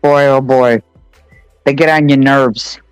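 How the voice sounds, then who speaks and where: A woman's voice: very deep voice, steady tone, slow, clear, resonant tone, dry recording, soft background music, low-quality recording. Woman, joking guest in a casual chat, gossipy storyteller, dry close sound. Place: home in Connecticut.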